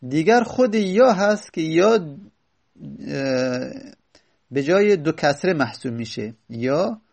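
Gravelly-voiced man explaining grammar. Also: fairly high pitch, animated, a little mellow. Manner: reads a text line, then explains it; asks and answers his own questions. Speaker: teacher. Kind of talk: teaching Arabic grammar from a classical text.

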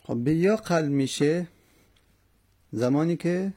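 A man's voice: on the high side, animated, mellow, husky. A man teaching an Arabic morphology lesson, carefully working through verb forms and repeating each one aloud.

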